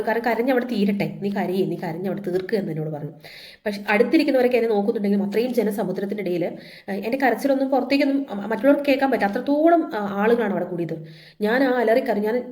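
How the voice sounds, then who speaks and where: A woman's voice: mid-range voice, warm tone. A woman, earnestly telling viewers about her illness journey in a casual vlog, with many restarts. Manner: emotional, earnest, with frequent restarts and fillers. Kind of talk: casual personal storytelling to viewers.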